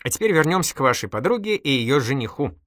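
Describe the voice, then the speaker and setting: A man's voice: medium pitch, very animated, fast talker, a bit bright, pitched above the performer's own voice. A man playing a wry, polite young detective. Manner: polite, dryly humorous. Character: calm, wry young male police detective. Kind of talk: audiobook character voice.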